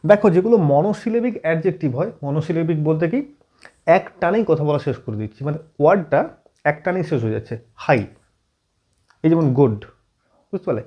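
A man teaching an English grammar lesson at a whiteboard, often checking in with his students and slowing down as he writes. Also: fairly high pitch, animated, dull audio. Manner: frequent check-in questions to students; writes on board while explaining, slowing down.

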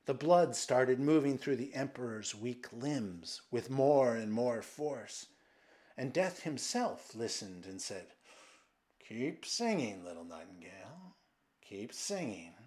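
A man reads a fairy tale aloud in an unhurried, deliberate way, with a mid-range voice. He builds atmosphere by dropping into hushed, whispered passages. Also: mid-range voice. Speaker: storyteller and translator. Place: old mill, indoors.

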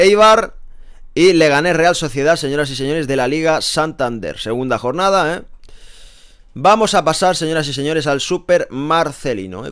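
Guy reading sports front pages, chatty, keeps tossing in tag questions, clear voice. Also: mid-range voice. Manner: chatty, constant tag questions, sarcastic asides. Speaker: sports press reviewer. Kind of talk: casual newspaper front-page review.

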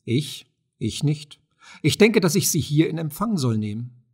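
A man's voice: a little high, very animated, unhurried, slightly rough, full character voice. A man reading an audiobook of a play, voicing a stubborn, grumbling dervish treasurer.

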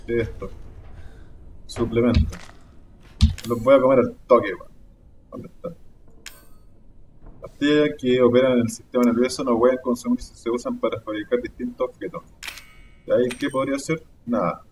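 A man's voice: medium pitch, steady tone, normal speed, pauses often, a little mellow. A young man with a Chilean accent muttering casual, slangy, sweary commentary as he plays a game. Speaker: gamer. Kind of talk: casual let's play commentary. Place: indoor room at a computer. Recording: distant mic, faint game noise.

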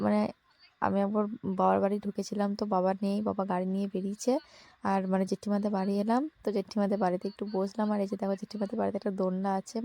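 A woman's voice: medium pitch, warm tone, no echo. A young woman from Bengal narrating a casual daily vlog, chatting to her viewers as friends with many fillers. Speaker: vlogger.

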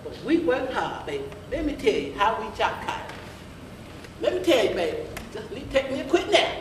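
Here a woman plays an elderly Southern grandmother, a former field hand who is folksy, scolding and rambling, speaking high-pitched, a little fast, with big swings in pitch. Her tired, meandering storytelling monologue, part of an amateur gospel play, keeps addressing listeners as "baby." The sound comes from a camera mic some distance away in a roomy church hall, a mid-sized sanctuary with its stage, and the audience can be heard.

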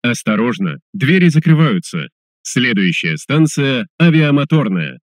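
A man's voice: mid-range voice, sing-song, no echo. Dry, formal male subway announcer. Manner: formal, measured, clearly enunciated. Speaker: metro train announcer.

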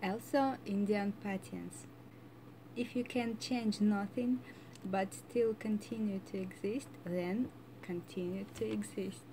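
Slow, thoughtful Russian-accented woman. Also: mid-range voice, steady tone, noisy background. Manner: hesitant and thoughtful, with frequent fillers. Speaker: reaction channel host. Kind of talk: casual spoken commentary.

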